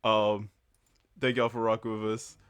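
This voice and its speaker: A man's voice: on the low side, flat delivery, unhurried, a bit bright, smooth. A man hosting a casual gaming podcast, laughing often and talking in loose slang. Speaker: podcast host. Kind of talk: casual chat.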